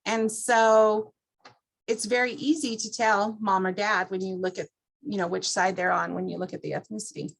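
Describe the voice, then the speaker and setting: Walking her audience through a computer program one step at a time, a woman talks like a class presenter in a casual, explanatory style. Her voice is average in pitch, gravelly and steady in tone, at a normal speed.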